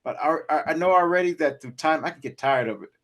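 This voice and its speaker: Animated joking man hosting a chat. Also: fairly high pitch, fast. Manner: animated, joking, many restarts. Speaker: show host. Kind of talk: casual podcast chat.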